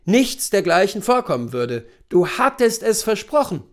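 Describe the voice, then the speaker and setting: A man's voice: high-pitched, very animated, unhurried, voice pushed up, full character voice. A man reading the part of a bitter, humiliated rich husband who snaps resentfully. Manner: sharp, resentful outbursts.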